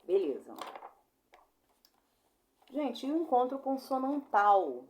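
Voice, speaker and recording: A young Brazilian woman giving a casual online grammar lesson, chatty and informal, apologizing often and spelling sounds out slowly. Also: high voice, very animated, darkish tone, a little hiss or hum. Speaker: Portuguese teacher.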